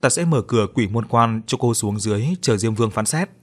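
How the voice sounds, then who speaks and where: Guy doing a wise old-school exorcist in a ghost story, calm and firm. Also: on the low side, natural voice. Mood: solemn. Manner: measured and authoritative.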